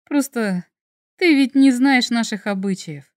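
A woman voicing a male dragon emperor who is teasing, tender and smug, speaking low and soft in an audiobook. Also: lively intonation, a little slow, no room sound, studio quality. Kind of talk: audiobook character voice.

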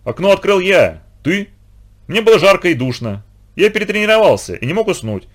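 A man's voice: high voice, sing-song, a little fast, voice pushed up. A man doing a cocky young athlete. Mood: mocking. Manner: mocking, dismissive. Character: cocky young male athlete, mocking nephew. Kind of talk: audiobook character voice.

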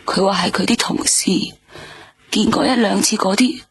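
This mid-range female voice belongs to an actress portraying a young nightclub hostess in a Cantonese radio play set in Hong Kong. Husky and speaking at a normal speed, she sounds exhausted, defensive and bitter, occasionally lowering her words to a whisper.

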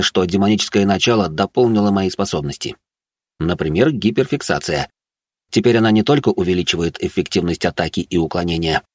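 A man narrating a first-person fantasy audiobook in a low-key, wry way. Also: no echo, clean studio sound.

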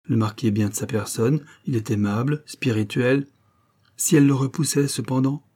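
A man's voice: mid-range voice, moderate pace, natural voice. A man voicing a proud middle-aged nobleman who turns indignant and raises his voice in an audiobook scene. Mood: guarded. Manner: indignant, hoarse shouting.

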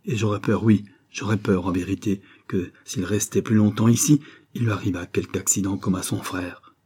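A man reading a novel aloud, voicing a worried gentleman friend who speaks in careful, measured warnings. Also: lowish voice, fairly even intonation, slightly rough.

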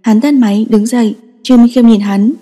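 A woman narrating a story in a steady, scripted storytelling style. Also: a little high, brisk, long reverb tail. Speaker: audiobook narrator.

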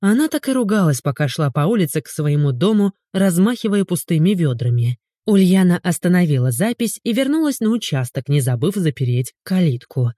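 A woman narrating an audiobook in an expressive, wry manner. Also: lowish voice, fairly quick, hardly any pauses, no echo, clean studio sound.

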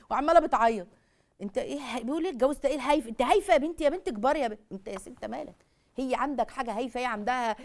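A fast-talking Egyptian woman teaching a religious lesson with a high-pitched voice. She keeps things lively, throwing rhetorical questions at her listeners and acting out short exchanges as she goes. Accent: Egyptian Arabic. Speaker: lecturer on marriage and family.

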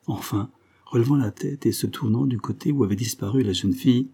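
A man narrating a nineteenth-century love story in a steady, even-toned reading. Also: mid-range voice, fairly quick, gravelly, slightly rough. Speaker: audiobook narrator. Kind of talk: scripted literary narration.

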